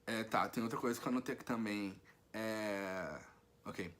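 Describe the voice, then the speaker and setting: A man's voice: fairly low pitch, normal speed, a bit bright. A Brazilian man with a Brazilian Portuguese accent, casually explaining English mistakes step by step in a vlog, with many fillers. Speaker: vlogger teaching English.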